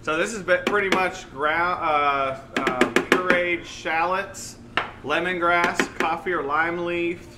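A man's voice: sits high, takes it slowly, distant mic, loud music behind the voice. A man co-hosting a live cooking demo in a restaurant kitchen, upbeat with punchy exclamations. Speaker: cooking show co-host. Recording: loud kitchen noise.

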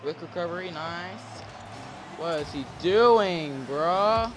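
A young man commentating his own gameplay, excitable, yelping and shouting at plays, faint game music behind. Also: high voice, slow, background noise. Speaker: gamer.

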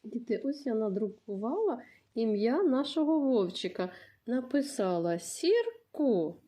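A woman teacher with a Ukrainian accent giving a reading lesson to young children, sounding out syllables in a sing-song way and coaxing the class with gentle questions. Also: sits high. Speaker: primary school teacher.

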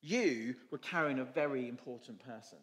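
A man's voice: mid-range voice, moderate pace, lightly acted. Guy doing the wise donkeys, patient, setting a friend straight, echoey hall. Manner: gently correcting, explaining.

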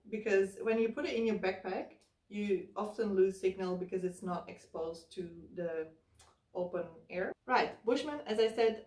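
A woman's voice: mid-range voice, a little mellow. A woman in her thirties casually explaining, step by step, how she packs her hiking backpack while she handles the gear. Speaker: hiking vlogger. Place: living room, indoors. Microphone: camera mic from across the room. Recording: roomy, slightly distant camera sound.

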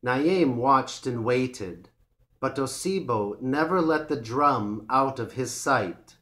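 Male narrator for learner stories, very slow and deliberate, mid-pitched. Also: lively intonation, pushed and bright. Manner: slow, clear and measured reading. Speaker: English teacher. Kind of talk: storybook read-aloud for English learners.

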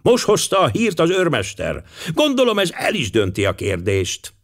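Man doing a brisk police inspector. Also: a little high, wildly swooping pitch, voice pushed up. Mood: businesslike.

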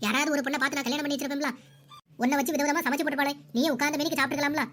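A woman voicing a sharp-tongued scolding mother-in-law. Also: sits high, fairly even intonation, a little hiss or hum. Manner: nagging, sarcastic, rapid scolding. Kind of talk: cartoon voice acting.

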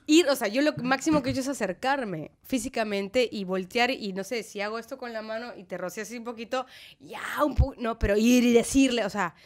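Lively Peruvian actress telling stories. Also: female voice, a little high, fairly quick. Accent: Peruvian Spanish. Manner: animated, laughing storyteller who acts out quotes. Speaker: actress, podcast guest. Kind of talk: casual storytelling interview.

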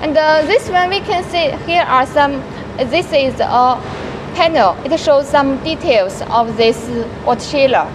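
A young woman in her twenties presenting a welding machine, talking haltingly with many restarts. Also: high-pitched, lively intonation. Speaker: product presenter. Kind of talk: product demonstration in English. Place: large factory workshop. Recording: noisy factory floor.

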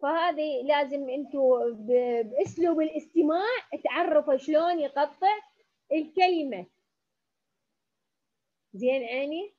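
A woman's voice: high voice, dull audio. A woman with an Iraqi Arabic accent giving a demonstration lesson for teachers. She coaxes pupils with endearments and sounds out syllables. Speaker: educational supervisor.

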